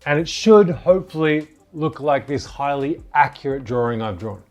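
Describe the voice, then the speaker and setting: Higher-voiced man in a jokey DIY vlog. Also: normal speed, darkish tone, faint music behind. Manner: jokey, self-deprecating. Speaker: DIY video creator presenting a build. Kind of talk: casual vlog chat to viewers.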